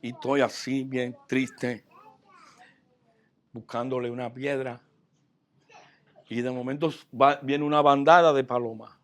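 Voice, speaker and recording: Male pastor, sermon storytelling, animated, medium pitch. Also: unhurried, long pauses. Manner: animated, swinging from soft asides to loud outbursts.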